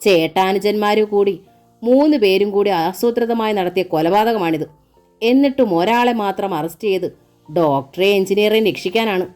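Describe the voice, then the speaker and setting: A woman voicing a village man who shouts out a slow, loud accusation. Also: mid-range voice, soft background music, natural voice. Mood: accusing.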